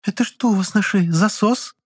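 A man reading an audiobook, voicing a principled, sharp-tongued young woman who speaks with biting indignation. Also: sits high, moderate pace, breathy edge, voice pushed up. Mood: shocked. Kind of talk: audiobook character voice.

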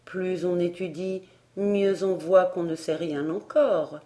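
A serene fairy governess, as a woman reader puts her on, speaking in a slow, unhurried storybook voice. Her tone is low and mellow, calm and measured throughout.

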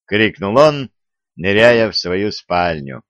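A man reading a story aloud as an audiobook narrator, unhurried, lightly voicing the characters. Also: fairly low pitch, animated, fairly bright tone, no room sound. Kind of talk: scripted narration. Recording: dry, dull lo-fi recording.

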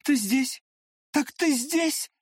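A woman's voice: extremely slow, no room sound, clean studio sound. A reader voicing an anguished young woman in an audiobook, crying out in pleading exclamations. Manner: high-pitched, pleading exclamations.

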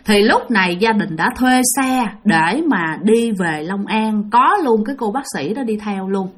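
A woman's voice: mid-range voice, a little slow. A woman telling a ghost story, speaking directly to her listeners. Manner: animated, addresses listeners directly.

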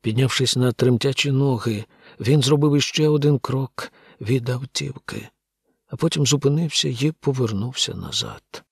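A man reading an audiobook aloud in a measured, grave storytelling manner. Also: medium pitch, vocal fry, husky, no echo, studio quality. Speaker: audiobook narrator. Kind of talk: scripted audiobook narration.

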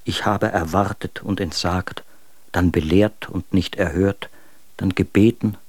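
In a German radio drama, a male actor with a deep, darkish voice plays a bitter, tormented young husband and poet reading confessional letters. The sound has no echo.

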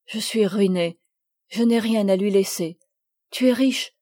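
A woman voicing a dying, remorseful older woman who speaks in broken, halting phrases. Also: medium pitch, dark tone, natural voice. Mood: pleading.

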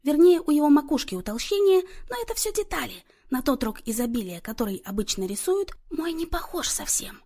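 A woman reading an audiobook, voicing a hoarse, sharp-tongued older widow who nitpicks. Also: sits high, very animated, fairly quick, hardly any pauses, pitched above the performer's own voice. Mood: pedantic. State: hoarse from laryngitis.

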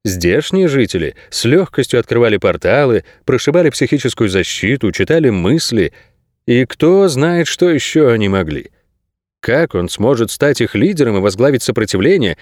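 A man reads a scripted audiobook narration in a steady, expressive storytelling style. His pitch is medium, and the studio-quality recording has no room sound.

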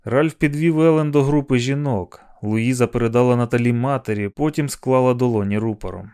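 A man reading a novel aloud as an audiobook narrator, in a steady, measured manner. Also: mid-range voice, smooth. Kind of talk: scripted narration.

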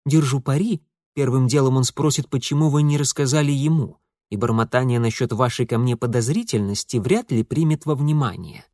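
A sardonic young man trades dry jabs, voiced by a man reading an audiobook. The voice stays near the narrator's own, mid-pitched and wry. The sound is close and dry, with no room echo. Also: fairly quick, darkish tone, natural voice. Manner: dry, sarcastic.

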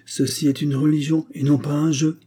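A man's voice: medium pitch, moderate pace, mellow, husky, close to an everyday voice. A man voicing a cold, solemn spirit of the dead. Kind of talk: audiobook character voice.

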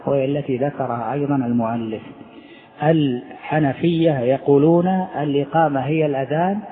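A middle-aged man teaching a religious text as sheikh, explaining and quizzing his students. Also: mid-range voice. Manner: explains, asks the class questions. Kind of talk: lesson commentary. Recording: tinny phone-like recording.

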